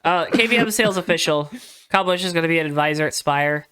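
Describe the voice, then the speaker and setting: A man's voice: a little high, quick pace, sharp tone, clean tone. A man hosting a casual podcast, running the segments with wry, mock-grumpy banter. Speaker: podcast host. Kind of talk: casual chat.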